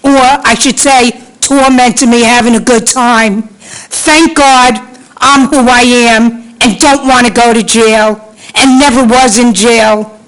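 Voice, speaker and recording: A woman's voice: a little high, fairly even intonation, takes it slowly, rough recording. A woman in her sixties speaking as a resident at a city council meeting's public comment, indignant and pleading, repeating her demands for an answer. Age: 60s. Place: council chamber.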